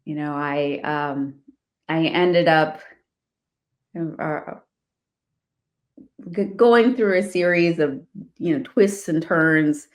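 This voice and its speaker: Slow and low, with frequent pauses, this woman's voice belongs to a real estate investor from the Washington, D.C. area. As a guest in an interview, she recounts her life story in a casual way, often laughing and starting her sentences over.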